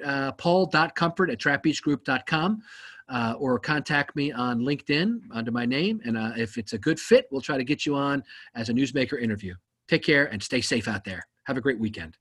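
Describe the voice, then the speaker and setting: A man's voice: mid-range voice, lively intonation, brisk, a bit bright, breathy edge. A man hosting a podcast in a casual, enthusiastic way, with frequent ums and uhs. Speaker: podcast host.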